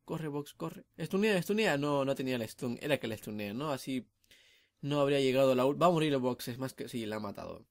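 A young man, chatting excitedly while commentating his own gameplay, full of tag questions. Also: mid-range voice, brisk, dry recording. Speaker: gamer commentating his match.

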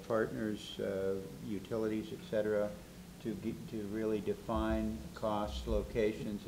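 A man asking questions at a public board meeting, his voice low and flat. He speaks politely and haltingly into a desk microphone, with clear background noise in the hall. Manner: halting, polite, many restarts. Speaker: board vice chair.

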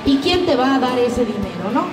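A woman with a Mexican accent performing a high-energy stand-up comedy routine as host, teasing the audience. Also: very animated, normal speed, echoey room, long reverb tail, recorded from a distance, over music. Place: live comedy venue with an audience.

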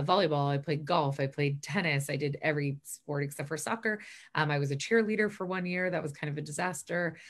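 A woman's voice: low voice, a bit bright. A woman in her late thirties, a stage manager and professor, chatting upbeat with lots of fillers and asides in a casual interview over a video call from a small bedroom. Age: 30s. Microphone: laptop webcam mic on a video call.

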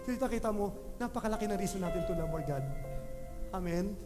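High-voiced man preaching in a reverberant hall. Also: fast. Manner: impassioned preaching, swinging between hushed and rising loud; addresses the congregation often as beloved ones. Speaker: pastor. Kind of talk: sermon. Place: church hall. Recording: long hall reverb with music behind. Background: music playing.

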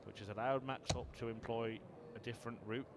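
A male darts commentator with a medium-pitched voice and little rise or fall. He delivers facts and play in a measured, understated way, with clear noise behind him. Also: fairly even intonation. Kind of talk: sports commentary on a darts match.

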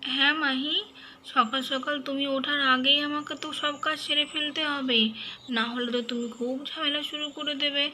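Woman as a brisk scolding mother. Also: sits high, flat delivery, pushed and bright, slight background noise. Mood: concerned. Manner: brisk, nagging, half-muttering to herself. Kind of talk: doll storybook narration.

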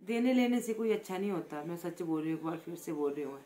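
Soft-spoken chatty Indian woman vlogger. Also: lowish voice, animated, fast talker, slight background noise. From Himachal Pradesh, India. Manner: chatty and affectionate, repeats words of praise; speaks softly, close to the mic. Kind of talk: casual vlog, showing gifts.

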